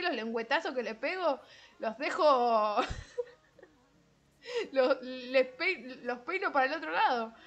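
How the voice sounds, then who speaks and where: A young woman chatters through her gameplay in a high voice. Her commentary is excitable and self-mocking, and she laughs and shrieks easily as the match goes on. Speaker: gaming streamer.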